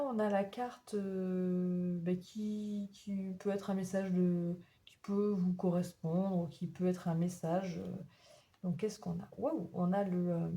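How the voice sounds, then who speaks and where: A woman doing a spiritual oracle card reading for her viewers, talking gently and encouragingly, often pausing to search for words. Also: fairly low pitch. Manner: halting, searching for words as she goes.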